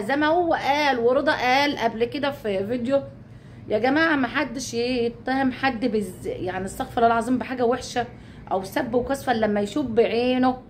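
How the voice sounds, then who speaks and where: Egyptian woman vlogger, high voice, rapid chatty delivery, keeps swearing it's true. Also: slight background noise. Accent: Egyptian Arabic. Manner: chatty, swears oaths, calls viewers dear ones. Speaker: YouTube channel host. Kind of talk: casual talk to viewers.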